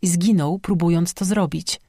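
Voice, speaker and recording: A narrator voicing a stern, gentle old woman shaman who speaks calmly and gravely, in audiobook dialogue. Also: on the low side, moderate pace, no echo, clean studio sound. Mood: stern, sad. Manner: calm, grave, motherly admonishing.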